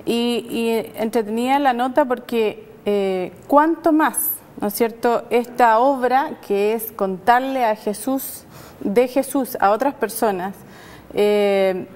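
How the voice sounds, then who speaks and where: A middle-aged Chilean woman with a somewhat high voice speaks hesitantly, with frequent filler sounds and tag questions. Her voice carries a long studio reverb. She talks as a guest on a faith program. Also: slow, darkish tone. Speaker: nurse and guest. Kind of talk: faith TV conversation and prayer.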